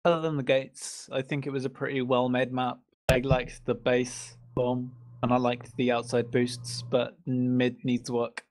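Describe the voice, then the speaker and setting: Male gamer, flat delivery, plain opinions. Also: medium pitch, measured pace, few pauses. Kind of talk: casual voice chat.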